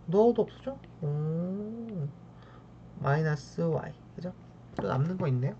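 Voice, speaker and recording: A woman's voice: on the low side, animated, takes it slowly, warm tone. A woman math teacher working through problems, checking in with a tag question after each step and talking to the terms as if addressing them. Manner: mutters sighs of tedium while working. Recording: dull lo-fi sound with faint ambient noise.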